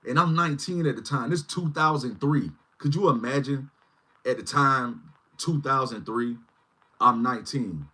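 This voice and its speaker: A man's voice: medium pitch, normal speed, bright, forceful tone, breathy edge. A man in his forties hosting a casual livestream, rambling and often asking "you know what I mean". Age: 40s. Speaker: channel host.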